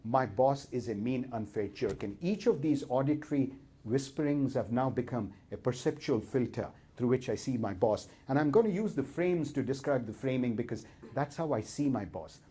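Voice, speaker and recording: A man giving a humorous seminar talk, telling stories in a lively way and acting out voices. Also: mid-range voice, moderate pace, husky. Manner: lively storytelling with acted-out voices. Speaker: speaker.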